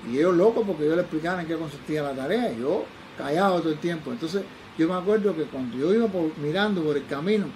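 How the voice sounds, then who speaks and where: A man's voice: a little high, lively intonation, fast, few pauses, darkish tone, slight background noise, rough recording. An older man with a Cuban accent, a forensic toxicologist telling his own stories with animation and acting out the people he quotes. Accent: Cuban Spanish. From Cuba. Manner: acts out the voices of people he quotes. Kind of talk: animated personal storytelling.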